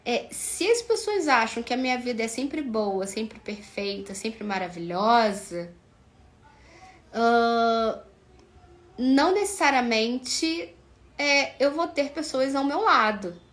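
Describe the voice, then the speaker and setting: Slow-talking woman psychologist. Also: a little high, animated, fairly bright tone. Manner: chatty, many fillers, acts out dialogue. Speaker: psychologist and channel host. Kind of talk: casual talk to camera.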